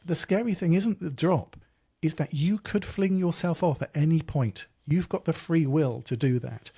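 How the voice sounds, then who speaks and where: Podcast host, man, thoughtful and rambling, dark gravelly voice. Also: on the high side, moderate pace. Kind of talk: interview chat.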